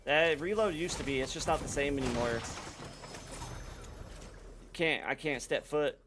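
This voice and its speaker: A man's voice: a little high, unhurried. A young man streaming a game live, chatting casually to his viewers in a laid-back, slangy way. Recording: noisy background.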